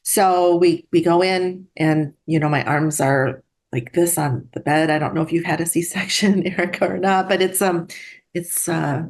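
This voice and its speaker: A middle-aged woman, a guest, telling a personal story in an earnest, halting way with restarts. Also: on the low side, steady tone, darkish tone.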